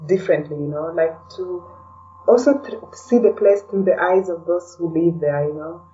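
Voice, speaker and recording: A woman with a lowish, soft-edged, mellow voice speaks at normal speed as a guest on a casual podcast interview; she's a blogger and podcaster herself. She works through her thoughts hesitantly, often adding "you know," and the recording is dull, lo-fi and distant from the mic.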